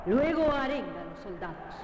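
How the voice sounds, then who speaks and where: A man's voice: high-pitched, sing-song, normal speed. A man delivering dramatic, declamatory scripted narration of history. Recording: long reverb with faint noise.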